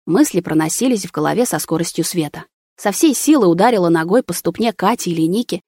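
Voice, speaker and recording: A woman's voice: fairly low pitch, animated, fast, dark tone, husky, no room sound, studio quality. A woman narrating a first-person story aloud in a tense, dramatic way. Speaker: audiobook narrator.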